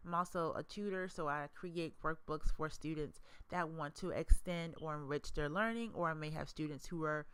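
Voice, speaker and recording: A woman hosting a mastermind program, who pitches it with enthusiasm, stacks up emphatic adjectives and speaks straight to the listener. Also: normal speed, hardly any pauses, a bit bright, smooth, no echo. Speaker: educator and mastermind host. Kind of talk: promotional presentation.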